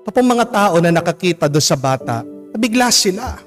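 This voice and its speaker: Gentle priest telling a homily story. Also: male voice, high voice, very animated, fairly quick, faint music behind. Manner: gentle, polite storytelling with frequent respectful particles.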